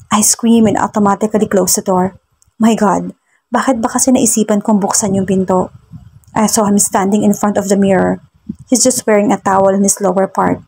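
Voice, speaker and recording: A woman with a husky, breathy voice reads a first-person romance story aloud. She narrates steadily and plainly, her pitch sitting in an ordinary middle range. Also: darkish tone.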